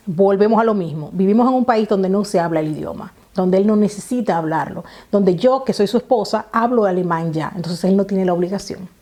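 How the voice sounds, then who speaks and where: A woman's voice: mid-range voice, warm tone. A woman from the Republic, talking to camera in a casual, explanatory way, often repeating herself. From Dominican Republic. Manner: explanatory, repeats phrases, many fillers. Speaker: vlogger.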